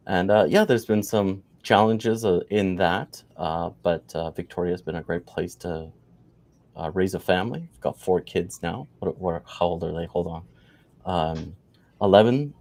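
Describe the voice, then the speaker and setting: A Canadian man in his forties speaks as a podcast guest, his voice sitting very low. He rambles casually, circling back with fillers and restarts as he tells his story. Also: a little mellow. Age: 40s. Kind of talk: casual interview chat.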